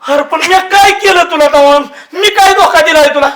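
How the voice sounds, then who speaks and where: A man's voice: very high-pitched, brisk, a bit bright. An older man in a scripted comedy sketch, fussing, scolding and coaxing a younger relative. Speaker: elder relative. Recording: roomy echo.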